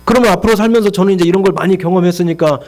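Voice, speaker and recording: A man's voice: high voice, racing, a little mellow. A middle-aged male pastor preaching a sermon, telling stories with animation and acting out complaints and prayers in his own voice, often putting rhetorical questions to the congregation.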